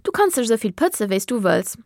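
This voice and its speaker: A woman's voice: on the high side, very animated, brisk, a little mellow, no echo, clean studio sound. A woman voicing a cheeky furry creature boy. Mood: teasing. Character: cheeky furry male creature, playful and touchy.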